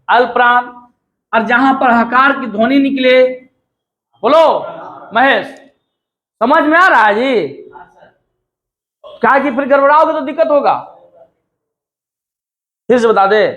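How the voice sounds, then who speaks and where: A man from India teaches a class in a slow, deliberate lecture, repeating each point and urging students to say the sounds back to him. His voice sits very high and sounds bright and forceful. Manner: repetitive, drilling students to repeat sounds aloud.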